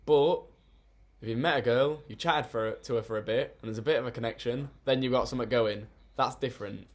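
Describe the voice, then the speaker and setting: A man's voice: mid-range voice, fairly quick. A young man, co-hosting a podcast and telling a story in casual, teasing chat. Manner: chatty storyteller, excitable, teasing. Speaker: podcast co-host.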